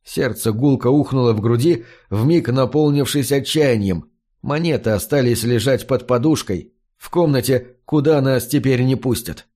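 A man reads a first-person story as an audiobook narrator. His voice sits in the middle range, and his telling is even and measured. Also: mid-range voice.

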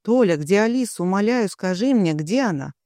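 A distraught middle-aged mother, shrill and pleading, her voice pushed up high, as a male audiobook reader puts her on. She sounds close and dry. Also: animated, a little fast, dark tone, no room sound. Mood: frantic. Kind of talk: audiobook reading.

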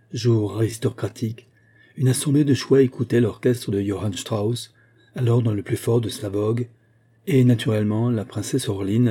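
A man narrating an audiobook in a measured, deliberate way. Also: medium pitch, dark tone, breathy edge.

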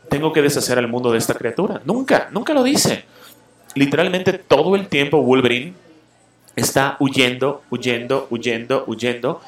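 A man's voice: mid-range voice, roomy sound. A man, giving a casual film critique and stressing points by repeating words. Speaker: comics show host.

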